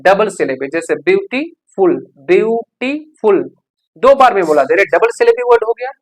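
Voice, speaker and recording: A teacher explaining an English grammar lesson in Hindi, checking understanding with rhetorical questions and spelling rules out slowly. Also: medium pitch, very animated. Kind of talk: classroom-style grammar lesson.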